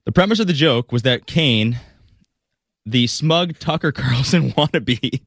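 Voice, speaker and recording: A man's voice: medium pitch, measured pace, gravelly, a bit bright, no echo, studio quality. A male talk radio co-host reading an article aloud, amused and laughing along.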